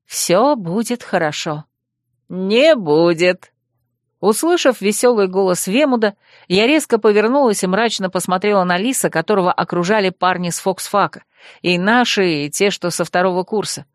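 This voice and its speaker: A woman's voice: mid-range voice, fairly quick, no echo, studio quality. A woman narrating an audiobook in the first person, reading expressively.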